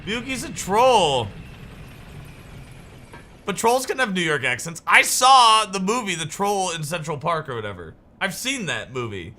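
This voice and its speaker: A young man chats while he plays a game on stream, rambling and joking, with sudden excited yelps. His voice sits fairly high and rings very bright. His pitch swings widely as he talks. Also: moderate pace, few pauses. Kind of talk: casual chat while gaming.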